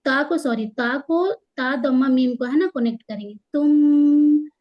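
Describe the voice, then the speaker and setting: A high-pitched woman teaches tajweed in an unhurried way. She explains each recitation rule patiently and drags the recited words out long. The recording sounds somewhat dull and lo-fi. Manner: patient, explains rules plainly, slows right down to stretch recited words. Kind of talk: tajweed lesson, spelling out letters and drawing out recited words.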